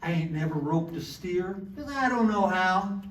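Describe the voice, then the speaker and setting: An actor playing a plainspoken old cowboy prospector with a drawling, folksy Old West way of talking in a comic Western sketch. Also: male voice, high-pitched, expressive, moderate pace. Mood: folksy, wistful. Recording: roomy, distant mic, faint noise.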